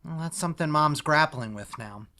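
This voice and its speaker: A man's slightly high, expressive voice with a sharp tone, at normal speed, voices Bobby in a musical theatre read-through recorded remotely online. The character is an idealistic, noncommittal young man, casual and hedging about commitment, and here he is explaining things sheepishly.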